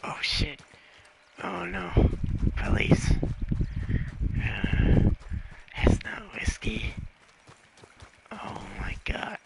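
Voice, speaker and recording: A man's voice: high-pitched, sing-song, drawn-out words, pauses often, voice pushed up, full character voice. A man voicing a whiskey-craving undead cowboy who talks about himself in broken third-person speech during game role-play. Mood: desperate. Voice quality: gravelly. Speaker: streamer. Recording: loud game noise behind.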